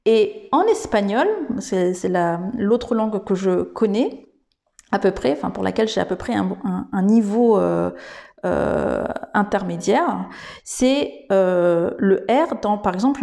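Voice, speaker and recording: A woman teaching pronunciation on her podcast, taking her time with each phrase. Her voice is soft and mellow, and she pauses to rephrase, dropping fillers and restarting sentences as she thinks. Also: medium pitch, gravelly. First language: French. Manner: thoughtful, with frequent fillers and restarts. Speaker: English teacher and podcast host. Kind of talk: podcast lesson.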